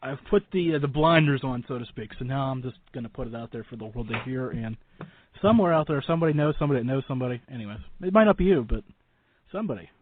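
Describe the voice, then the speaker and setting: A talk show host conducts a casual interview in a mid-range male voice, speaking very fast and animatedly. He's chatty and keeps repeating or interrupting himself. The recording is dry and narrow, like a phone line.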